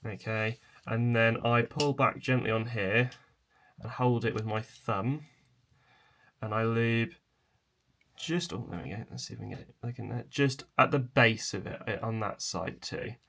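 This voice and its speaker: A man presenting a casual hands-on tutorial in an informal, tentative, explanatory way, with a chair creaking. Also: mid-range voice, unhurried, a bit bright. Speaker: video presenter.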